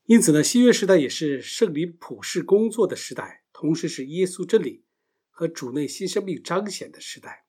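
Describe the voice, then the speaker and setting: A man's voice: fairly high pitch, expressive, moderate pace, mellow, breathy edge. A man giving a Bible teaching lecture, explaining step by step and often asking and answering his own questions.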